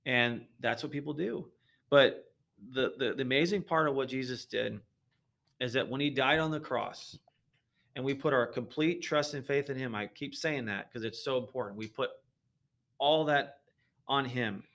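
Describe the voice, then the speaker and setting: A man's voice: medium pitch, normal speed, vocal fry, fairly bright tone. A man guesting on a podcast, talking earnestly about faith in a preachy way with many restarts.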